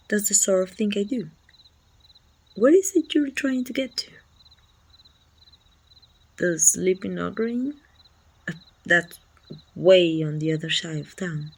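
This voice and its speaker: A woman speaks a little slowly with long pauses, her medium-pitched voice husky but lively in intonation. She has a Mexican accent and plays a helpful, chatty guard in a medieval fantasy city for ASMR, speaking politely and reassuringly to the listener, helpful and curious.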